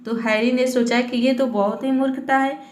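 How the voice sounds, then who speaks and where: A woman teaching English as a patient spoken lesson, often checking in with her listeners and spelling words out slowly. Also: high voice, steady tone, a little mellow, reverberant. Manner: patient, repeats "theek hai" to check in.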